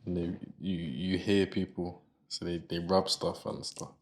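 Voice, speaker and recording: A man's voice: low voice, flat delivery, a little slow. A man co-hosting a podcast, teasing his co-host in a laid-back, casual chat.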